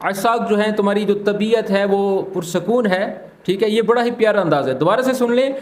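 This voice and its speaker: A man hosting a language lesson, patiently explaining phrases and repeating them slowly. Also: high voice, a little mellow, echoey room. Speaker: Arabic teacher, channel host.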